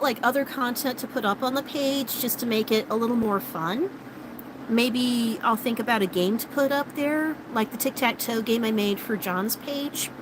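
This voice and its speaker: Talking with live viewers, this vlogger in her late thirties has a high voice that is starting to wear out. She chats casually and rambles, leaning on many fillers, while background noise runs underneath.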